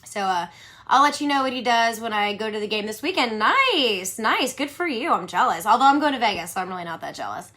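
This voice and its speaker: A woman's voice: fairly high pitch, expressive, fairly quick, sharp tone. A woman in her thirties hosting a casual livestream, chatty and giggly, answering viewer questions and saying "like" a lot. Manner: chatty, giggly, says "like" often.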